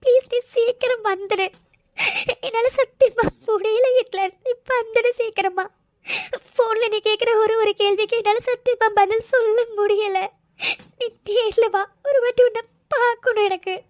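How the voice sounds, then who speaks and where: A woman's voice: very high voice, expressive, a little fast, dry recording. Woman voicing a tearful, pleading cartoon girl. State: crying. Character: tearful young woman, gentle and self-blaming. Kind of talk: cartoon voice acting.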